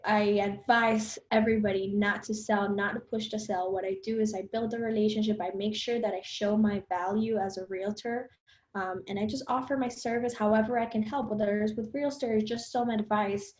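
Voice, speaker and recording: A woman's voice: medium pitch, fairly even intonation, a little mellow. A woman in her twenties from Colombia, a podcast guest talking earnestly and casually about her work. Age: 20s. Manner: earnest, quick phrases with fillers. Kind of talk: casual interview chat. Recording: roomy, dull lo-fi sound.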